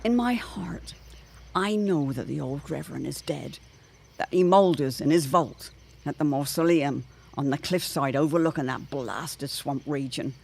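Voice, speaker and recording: In a period radio drama, a woman voices Jane Pembroke, an anxious, eloquent older neighbourhood matron who has premonitions. Her deep, darkish voice is unhurried, exaggerated and touched with vocal fry. She speaks in formal, theatrical phrases with a troubled, foreboding mood.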